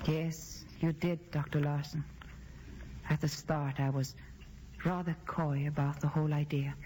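A woman's voice: low voice, little pitch movement, a little slow, dark tone, a little hiss or hum, poor audio. An actress playing a guarded, refined young woman pianist in a vintage melodrama film, speaking formally and with restraint. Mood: reflective, subdued. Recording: old film soundtrack with music behind.

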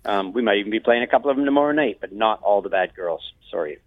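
A man talking in a casual interview over a bad phone connection that breaks up, relaxed and hesitant, with many fillers. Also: lowish voice, quick pace, no room sound. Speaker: musician guest on the phone. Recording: tinny phone line.

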